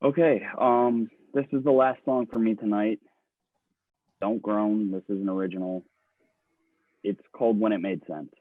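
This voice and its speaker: A man's voice: lowish voice, steady tone, moderate pace, pauses often, no room sound, close to an everyday voice. An actor reading a nervous, heartbroken young male singer-songwriter over a video call, hesitant and self-conscious. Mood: nervous on stage. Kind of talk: live online screenplay reading. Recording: tinny phone-like call audio.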